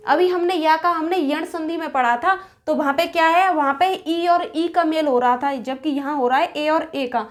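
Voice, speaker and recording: A woman teaching a grammar lesson, patiently repeating and rephrasing each point. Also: sits high.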